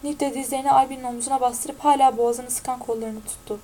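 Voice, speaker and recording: A woman narrating an audiobook in a steady, even-toned reading. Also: sits high, fast, slight background noise, low-quality recording.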